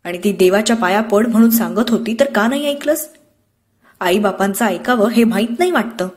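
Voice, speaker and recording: A woman's voice: mid-range voice, measured pace, natural voice. A woman reading as a strict, angry village father. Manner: sharp, scolding demands.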